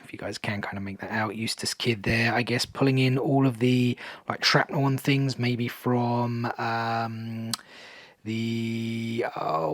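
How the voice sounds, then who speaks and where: A man's voice: mid-range voice, dry recording. Chatty man opening card packs, dry sound. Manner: chatty, unsure, often trails off and restarts; speaks to viewers as "guys". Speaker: card-opening video host. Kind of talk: casual unboxing commentary.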